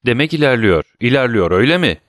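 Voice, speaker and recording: A man's voice: medium pitch, big pitch swings, fast talker, a bit bright, no room sound, clean studio sound, voice pushed up. A man voicing an aging French king who is imperious and alarmed, questioning his ministers sharply.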